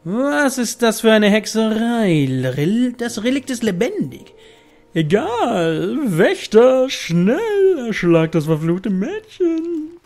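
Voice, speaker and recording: A man acts out a cruel video game noble with a raised, loud voice. The villain is haughty and imperious, issuing commands with theatrical force. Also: very high voice, big pitch swings, slow pace, faint music behind, voice pushed up, heavily acted. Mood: alarmed, furious. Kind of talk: acted video game dialogue read aloud.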